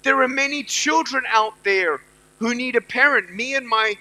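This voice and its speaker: Middle-aged guy giving a pep talk at a uni event, repeats his points for punch, very high voice, live recording with a low hum. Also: moderate pace, pushed and bright, rough recording. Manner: emphatic, repeats key phrases, acts out quoted dialogue. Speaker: motivational speaker. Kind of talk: motivational speech to a student audience. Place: university event hall.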